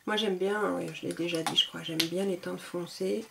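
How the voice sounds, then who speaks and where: A woman's voice: fairly low pitch, steady tone, normal speed, vocal fry, noisy background. A woman chatting casually as a beauty vlogger, enthusiastic and full of fillers. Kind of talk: casual product showcase.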